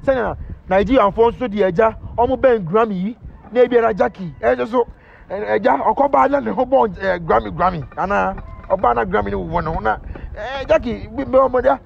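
High, gravelly Ghanaian man gossiping. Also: fairly quick. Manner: animated, rambling, playful. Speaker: entertainment news host. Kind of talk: casual gossip commentary mixing English and Twi. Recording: dull lo-fi recording.

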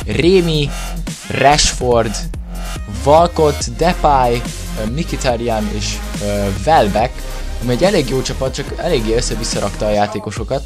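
A Hungarian man commentates his own football video game in an excited, exclamatory way. His voice sits at a medium pitch, and music plays clearly behind him. He stretches words as he follows the play. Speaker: gaming video creator commentating own match.

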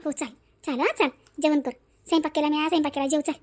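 A woman's voice: high-pitched, steady tone, fast talker, darkish tone, lightly acted. A woman voicing a quarrelsome older mother-in-law in a cartoon, scolding and grumbling. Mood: coaxing.

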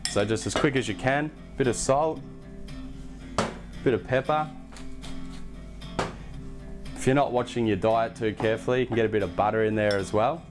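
A young man hosting a casual cooking demonstration in a home kitchen, relaxed and chatty, with self-deprecating asides. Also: fairly low pitch, normal speed, pauses often. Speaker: cooking show host. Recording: background music under the voice. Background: music and pan sizzling.

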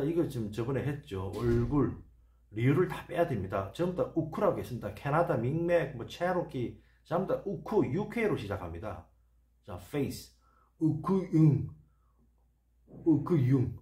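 A man giving a lecture over slides, who slowly sounds out words and repeats each one several times. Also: mid-range voice, mellow, roomy sound. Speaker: channel host explaining words.

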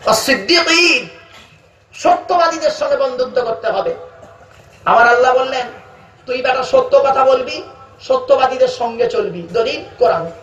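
A man with a West Bengal Bengali accent preaching a waz sermon, calling listeners "baba" and chanting verses slowly. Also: very high-pitched, animated, a bit bright, a little hiss or hum. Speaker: preacher at a religious gathering. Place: outdoor religious gathering on loudspeakers. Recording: echoey, distant, dull public address sound.

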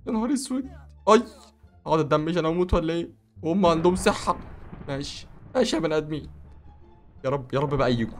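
Young egyptian man, rapid-fire speech, lively swinging pitch, excitable game role-play commentary, faint music behind. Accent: Egyptian Arabic. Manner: excitable, bossy, sudden loud outbursts. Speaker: gaming YouTuber.

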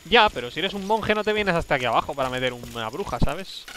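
A man's voice: a little high, expressive, quick pace, a bit bright, a little hiss or hum. A man streaming a horror game live, thinking aloud, easily startled and yelping at scares. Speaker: livestreaming gamer.

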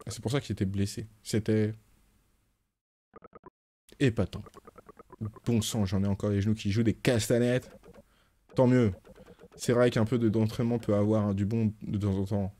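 A man's voice: lowish voice, steady tone, moderate pace, long pauses, mellow. A man reading game dialogue aloud during a live stream, chatting casually with viewers between lines. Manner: reads game lines in playful put-on voices, chats with viewers. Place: home, with cats nearby.

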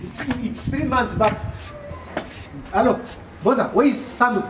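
An angry man in a comedy skit shouts to get his money back. His voice sits very high and carries from a distance. Loud music plays under an echoey room. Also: unhurried.

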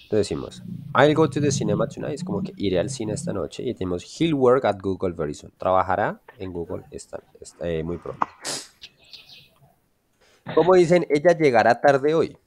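A man's voice: lowish voice, sing-song, normal speed, a little mellow, slight background noise. A man with a Colombian Spanish accent, teaching an online English lesson and often checking whether his students follow. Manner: checks understanding often, asks students questions.

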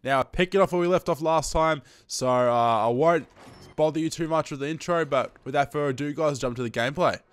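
An Australian man in his twenties provides casual, chatty gameplay commentary into a headset, swearing freely and calling his viewers guys. His voice is a little high, fairly quick and clean, and he's slightly sniffly from hay fever.

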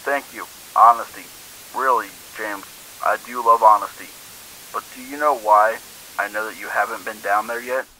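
A man's voice: lowish voice, normal speed, bright, forceful tone, slight background noise, low-quality recording. A man voicing a smug male night-shift manager who mocks his worker over a handheld radio. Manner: mocking, knowing, sing-song.

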